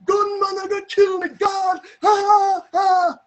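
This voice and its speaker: A man plays a terrified Jamaican woman screaming from her veranda. Her cries leap very high and loud, breaking into patois, and some shouts sound thrown from a distance across the yard. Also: completely flat delivery, a little slow. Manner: shrieking in patois. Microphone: video call.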